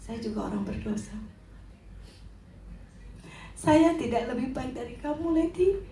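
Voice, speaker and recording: A woman voicing a gentle, forgiving young husband who speaks softly and humbly. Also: sits high, lively intonation, measured pace, a little hiss or hum. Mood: humble. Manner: soft, tender. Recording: echoey hall from far off.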